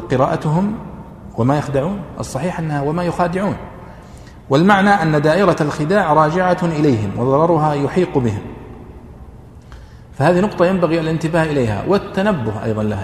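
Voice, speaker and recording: A man, lecturing students on Quranic readings in an explanatory classroom manner and pausing on drawn-out fillers. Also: fairly high pitch. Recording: echoey hall, faint ambient noise.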